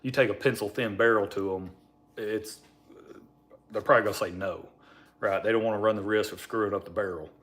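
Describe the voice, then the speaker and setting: Mumbling man, lowish voice. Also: fairly even intonation, fairly quick, long pauses, a bit bright. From Alabama, United States. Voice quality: mumbled, marbles-in-mouth diction. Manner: rambling, folksy, informal. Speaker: livestream host. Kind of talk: casual livestream chat.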